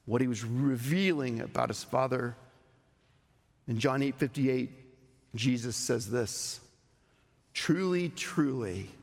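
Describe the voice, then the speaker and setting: A man preaches in a church sanctuary, his gravelly voice trailing off into a long hall reverb. He takes his time, leaning on single words and leaving dramatic pauses between them. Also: mid-range voice. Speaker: pastor. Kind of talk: sermon.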